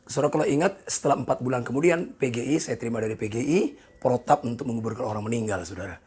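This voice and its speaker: A pastor in his sixties preaching a sermon, animated and joking with the congregation, with a gravelly, husky voice. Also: mid-range voice, fast talker. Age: 60s. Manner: animated, jokes with the congregation, voices people in quoted asides.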